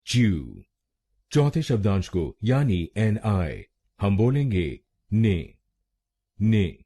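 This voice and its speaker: A man with an Indian accent giving a scripted pronunciation lesson, drilling a word slowly syllable by syllable. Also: lowish voice, warm tone, slightly rough. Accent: Indian English. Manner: slow, deliberate syllable-by-syllable drilling. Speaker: pronunciation teacher.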